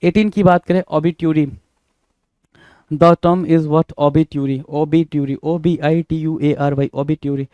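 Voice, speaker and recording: A man's voice: a little high, steady tone, takes it slowly, few pauses, warm tone, clear, resonant tone, no room sound, highs cut off. Indian man teaching vocabulary, spelling words aloud. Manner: repetitive, spells words letter by letter, quizzes listeners. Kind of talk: exam-prep vocabulary lesson.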